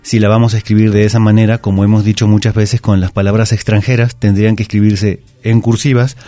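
Un hombre con acento mexicano, invitado experto en lengua, que explica reglas de ortografía en la radio con calma y tono didáctico. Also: male voice, fairly low pitch, fast talker, dry recording. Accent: Mexican Spanish. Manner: patient, didactic. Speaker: language expert guest. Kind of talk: explaining spelling rules on radio. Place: radio booth. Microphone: studio microphone.

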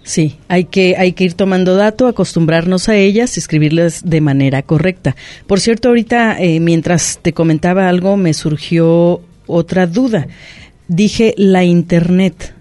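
High-voiced man hosting a radio chat. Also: normal speed, darkish tone, no room sound. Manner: chatty, asks follow-up questions, frequent "ujú" backchannels. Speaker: radio host. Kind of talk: casual radio chat about language.

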